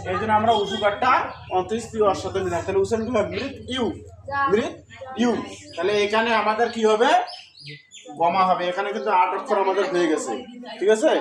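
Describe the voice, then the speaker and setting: A man's voice: high voice, echoey room, poor audio. A man teaching a pronunciation lesson, patiently asking questions, answering them himself and counting syllables aloud. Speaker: Sanskrit recitation teacher.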